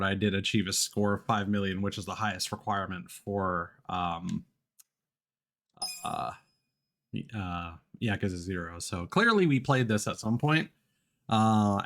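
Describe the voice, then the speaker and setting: A fairly low, slightly bright male voice comes through a headset microphone on a gaming livestream. The streamer commentates informally, musing aloud with self-deprecating humor.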